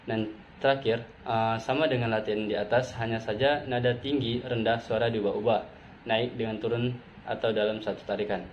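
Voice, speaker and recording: A man's voice: mid-range voice, fairly even intonation, normal speed. Man explaining theater voice exercises. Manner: methodical, demonstrates exercises aloud. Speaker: vocal training instructor. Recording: dull lo-fi sound, faint background noise.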